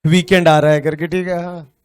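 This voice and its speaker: A man with an Indian accent teaching an online tax class, chatting casually and joking, then slowly dictating questions. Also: on the high side, level tone, a little mellow, clear, resonant tone, no echo.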